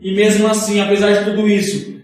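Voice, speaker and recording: High-voiced man preaching in an echoey church. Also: level tone, brisk. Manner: leads the congregation in call-and-response; addresses listeners as brothers, asks pointed questions. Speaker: evangelist preaching. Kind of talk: sermon. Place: church hall. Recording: very echoey hall, picked up from far off.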